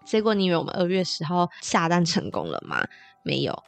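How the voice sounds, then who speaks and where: Podcast host: young Taiwanese-accented woman, playful chatty storyteller, some vocal fry, faint music underneath. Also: lowish voice, wildly swooping pitch, brisk. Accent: Taiwanese Mandarin. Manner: chatty, playful, exaggerated retelling.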